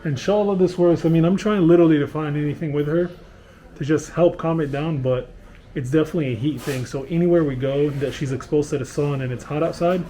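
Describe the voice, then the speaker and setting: A man co-hosting a travel vlog, calmly explaining what is going on. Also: on the high side, fast, a little hiss or hum, low-quality recording. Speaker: vlog co-host. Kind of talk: casual vlog narration. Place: outdoors on city streets.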